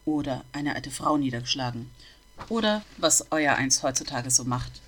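A woman's voice: extremely low pitch, lively intonation, normal speed, slight background noise, pitched below the performer's own voice. A woman voicing a grumbling old male bookseller who questions a boy with disapproval. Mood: gruff, probing. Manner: gruff, interrogating, disapproving.

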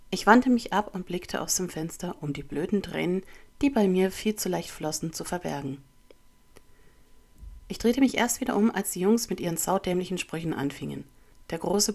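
A woman reading a first-person story aloud as an audiobook narrator, with expressive, dramatic storytelling. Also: fairly low pitch.

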